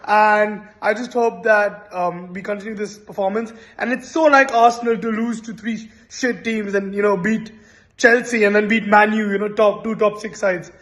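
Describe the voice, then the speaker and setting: A man with a very high voice talks casually as a football fan, recording his own reaction. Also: fairly even intonation, moderate pace, a bit bright.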